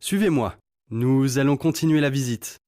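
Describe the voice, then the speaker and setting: A man's voice: mid-range voice, normal speed, warm tone, no room sound, clean studio sound. A man reading answer options for a listening exam in a plain, neutral way. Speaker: exam item reader.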